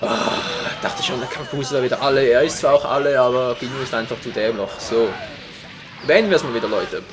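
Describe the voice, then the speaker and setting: A man giving live gameplay commentary, joking around and breaking into sudden shouts. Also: mid-range voice, fairly quick, crowd noise. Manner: excitable, jokey, prone to sudden shouts. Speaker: let's play commentator.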